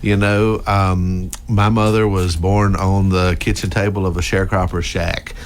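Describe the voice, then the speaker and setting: A middle-aged man with a Mississippi Southern accent, speaking in a courteous, folksy, measured way as a guest in a radio interview. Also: low voice, flat delivery. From Mississippi, United States. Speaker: university president, interview guest. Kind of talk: in-studio radio interview, storytelling. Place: radio studio. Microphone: studio microphone, close.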